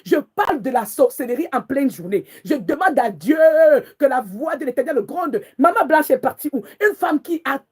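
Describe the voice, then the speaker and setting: A woman's voice: sits high, expressive, moderate pace, hardly any pauses. A woman prophetess preaching with passion and anger, crying out to God in prayer and repeating her words again and again. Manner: angry, repetitive, calls out to God.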